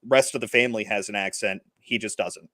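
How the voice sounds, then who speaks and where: A man's voice: lowish voice, fairly quick, sharp tone, dry recording. A man hosting a casual live-streamed movie review chat, rambling with lots of filler words. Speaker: podcast host.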